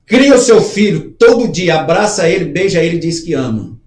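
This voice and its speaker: His slightly high, slightly mellow voice swings widely in pitch at a moderate pace, with reverberation around it. Hosting a live show, the middle-aged man reads comments aloud, talks them over earnestly and conversationally, and acts out brief exchanges.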